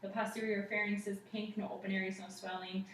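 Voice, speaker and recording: Speaking fast in a level, slightly bright medium-pitched voice, a young adult woman talks through a clinical exam procedurally, naming every finding for a patient and observer as a student might. The indoor living-room recording comes from a distant camera mic, roomy with faint noise.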